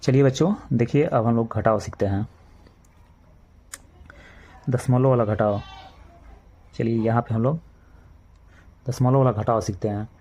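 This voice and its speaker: A male maths teacher with a Bihari Hindi accent walks children through sums one step at a time. His voice sits at an ordinary middle pitch, and he repeats key points patiently. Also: dark tone. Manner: slow, repetitive step-by-step explaining, addresses children. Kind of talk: classroom maths lesson.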